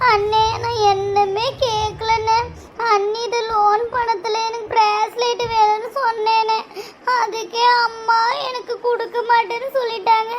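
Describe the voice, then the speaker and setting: A woman's voice: very high-pitched, steady tone, brisk, pauses often, dull audio, very noisy. A woman playing a petulant young sister-in-law who whines and makes demands in a comedy skit. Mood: pleading. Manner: whiny, demanding, sulky.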